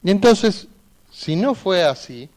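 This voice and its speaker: A man's voice: high voice, sing-song, takes it slowly, a little mellow. A man, a defense lawyer giving an emphatic, argumentative closing argument in a courtroom, repeating points for emphasis.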